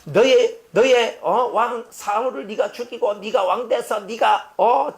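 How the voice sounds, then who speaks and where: A man's voice: very high-pitched, unhurried, voice pushed up. A pastor acting out a hostile man who hurls insults, stammering as he jeers. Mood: jeering.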